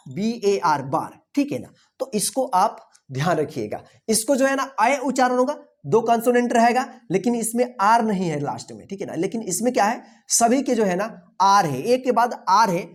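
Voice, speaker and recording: A man's voice: sits high, darkish tone. A male English teacher giving an online phonics lesson, spelling words letter by letter and checking in with "theek hai na" after almost every point. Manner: asks rhetorical questions, repeats "theek hai na" often.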